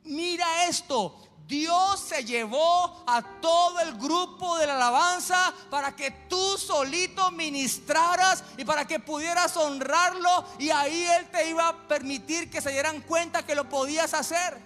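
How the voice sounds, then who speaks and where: A man preaching voices a quiet, blunt male church elder who scolds him loudly and pointedly. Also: high-pitched, lively intonation, drawn-out words, creaky, pauses often, big-room sound, full character voice. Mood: scolding.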